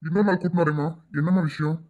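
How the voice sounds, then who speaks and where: A woman voicing a gentle, kindly elder brother in an amateur audio drama. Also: lowish voice, fairly even intonation, very fast, muffled recording, natural voice. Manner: gentle, soft-spoken.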